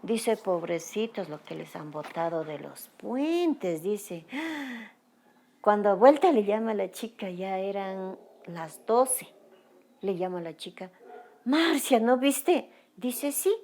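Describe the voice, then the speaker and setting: A woman's voice: mid-range voice, animated, slow, mellow, slight background noise. A middle-aged Ecuadorian woman giving documentary testimony, emotionally retelling events through quoted dialogue. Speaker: victim's mother interviewed.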